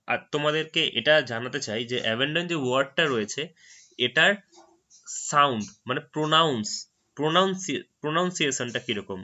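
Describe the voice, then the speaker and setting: Bright-voiced man teaching English words. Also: fairly high pitch, dull audio. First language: Bengali. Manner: explains patiently, repeats words slowly after a dictionary audio. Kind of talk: screen-recorded tutorial narration.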